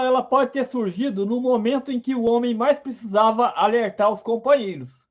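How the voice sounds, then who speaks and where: A man hosting a casual live science stream, enthusiastic, greeting viewers by name. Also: very high-pitched. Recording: dull lo-fi stream audio.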